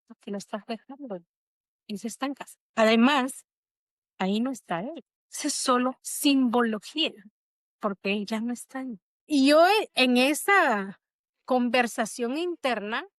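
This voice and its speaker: A woman's voice: a little high, a bit bright, dry recording. A middle-aged woman, an interview guest, telling a personal story in a reflective, emotional way. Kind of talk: conversational interview.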